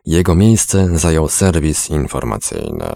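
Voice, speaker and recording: A male storyteller reads in a deep, gravelly voice with a lively rise and fall. He sounds close to the mic in a dry space. The pace is measured and expressive. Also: dry recording. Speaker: narrator. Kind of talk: storybook narration.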